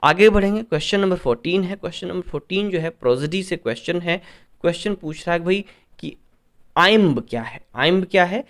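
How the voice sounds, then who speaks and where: Higher-pitched man tutoring an English exam paper. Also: animated, a bit bright. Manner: reads questions slowly, then explains in Hindi with frequent checks; corrects himself often. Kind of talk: exam paper solution lesson.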